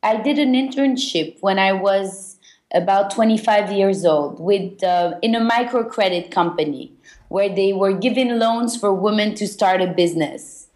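A woman from Belgium, a guest on a podcast interview, speaking reflectively and haltingly with many fillers. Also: medium pitch, darkish tone, reverberant.

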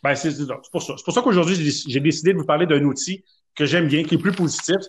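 A chatty man with a Québécois French accent and a fairly high voice, co-hosting a casual podcast chat. He tells stories loosely and pokes fun at himself. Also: fast, a little hiss or hum. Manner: chatty, self-mocking, storytelling. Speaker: podcast co-host.

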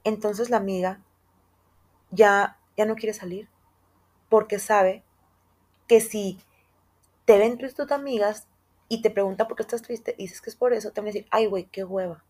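A young woman with a Mexican Spanish accent hosting a casual podcast monologue, full of slang and emphatic asides. Her voice has a husky, breathy texture and sits at a medium pitch. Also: steady tone, normal speed, long pauses, darkish tone. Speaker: podcast host.

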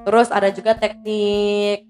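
A woman guest on a podcast chat, explaining speaking techniques in a relaxed, explanatory way and breaking into short demonstrations. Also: medium pitch, measured pace, soft background music. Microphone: podcast mic.

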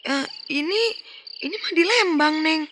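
A woman's voice: sits high, animated, unhurried, voice pushed up. A woman voicing a kindly, motherly older village woman, fussing over a girl. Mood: worried. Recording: noisy outdoor background.

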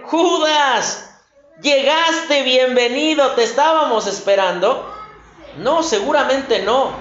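A woman's voice: sits high, a bit bright. A woman giving a Bible sermon, earnest and often putting questions straight to the listener. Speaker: Bible teacher. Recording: roomy, dull lo-fi recording.

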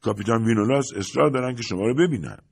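A man's voice: medium pitch, vocal fry, a little mellow, slightly rough, voice pushed up. A man voicing a stern police colonel who speaks in a formal, commanding way in a storybook reading.

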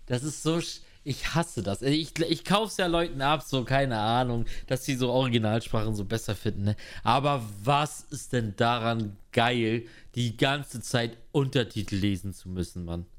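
A man's voice: mid-range voice, normal speed, hardly any pauses. A man on a casual podcast, blunt and slangy, ranting sarcastically with restarts and emphatic swearing. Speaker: podcast co-host. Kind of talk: casual chat.

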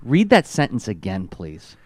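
A man co-hosting a podcast, chatting casually about a cartoon episode, excitable and quick to laugh. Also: lowish voice, no echo, studio quality. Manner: excitable, laughs often, animated asides. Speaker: podcast co-host.

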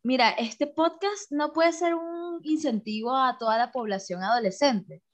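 A woman co-hosting a podcast, joking and giggling often. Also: sits high. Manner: giggly, joking, drawn-out words. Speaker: podcast co-host. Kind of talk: casual chat.

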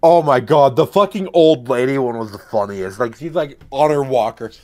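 A man in casual podcast chat, excitable and profane as he recaps movie scenes. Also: medium pitch, moderate pace. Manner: excitable, swears a lot, loud outbursts.

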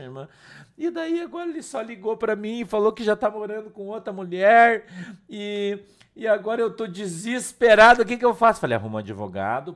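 Pastor from Brazil, male, high and bright-toned, blunt, scolding, slangy preaching. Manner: blunt, scolding, slangy, mimics whiny congregants. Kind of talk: blunt informal sermon.

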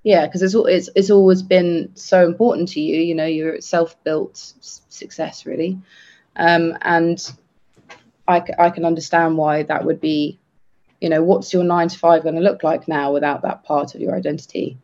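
A man co-hosting a podcast, talking earnestly and haltingly with many restarts. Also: a little high, level tone, a little mellow. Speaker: podcast co-host. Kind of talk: casual podcast chat. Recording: dull lo-fi sound.

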